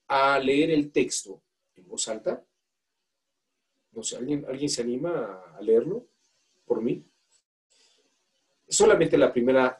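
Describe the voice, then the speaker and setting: A man with a Mexican accent teaching a law class, asking the students questions and coaxing volunteers to read aloud. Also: medium pitch. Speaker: law course instructor. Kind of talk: classroom lecture.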